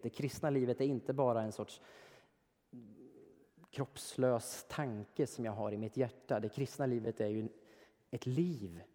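A man's voice: mid-range voice, mellow, big-room sound. A man preaching a sermon, earnest and exhorting, building his points through repeated phrases.

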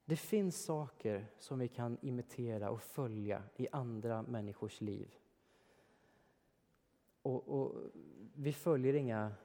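A man's voice: medium pitch, warm tone, in a large hall. A man preaching a sermon, earnest and exhorting, building his points through repeated phrases.

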